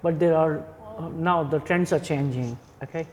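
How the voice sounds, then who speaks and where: A man's voice: fairly high pitch, moderate pace, darkish tone, big-room sound. A man who teaches languages, interviewing a guest with hesitant questions full of fillers.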